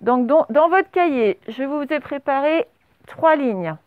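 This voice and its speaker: A woman's voice: high-pitched, expressive, a little slow, dry recording. A woman primary school teacher giving a spelling dictation, drawing out each syllable and spelling the letters aloud through a face mask. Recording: narrow phone-like sound. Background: traffic noise through open doors.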